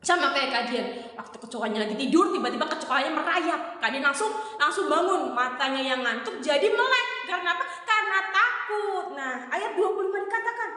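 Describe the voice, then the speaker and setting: A young woman teaching a children's sermon, telling the story in a playful, animated way and speaking straight to the kids. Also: sits high, fairly quick. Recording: echoey hall reverb.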